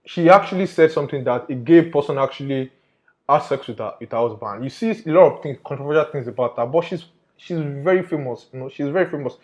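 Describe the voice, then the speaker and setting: A man's voice: medium pitch, fast talker, a little mellow. A man giving an informal investigative report to viewers, emphatic and often repeating his phrases. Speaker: undercover investigator presenter.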